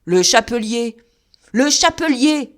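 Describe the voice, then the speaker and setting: A woman voicing a delirious drunk man who yells frantically in rough slang. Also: mid-range voice, a little slow, close to an everyday voice. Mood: furious.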